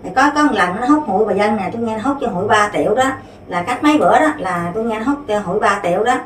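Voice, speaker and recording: A woman's voice: mid-range voice, animated, very fast, distant mic. A woman, rambling through her story with many fillers and restarts. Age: 50s. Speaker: interviewee. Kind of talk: casual spoken complaint. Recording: roomy, off-mic, faint background noise.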